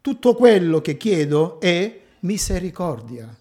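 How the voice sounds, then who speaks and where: A man's voice: high voice, big pitch swings, slow, a little mellow, full character voice. A man voicing a mother who earnestly begs an emperor for mercy, quoted within a sermon story. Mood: pleading.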